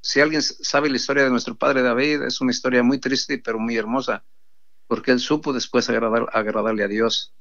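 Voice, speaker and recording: Earnest guy telling a testimony to his "brothers", repeats a lot, normal pitch, dull lo-fi sound. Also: fairly even intonation, brisk, gravelly, fairly bright tone. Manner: earnest, repetitive, addresses listeners as brothers. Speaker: pro-life sidewalk counselor giving testimony. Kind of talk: testimonial storytelling to a congregation. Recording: dull lo-fi recording.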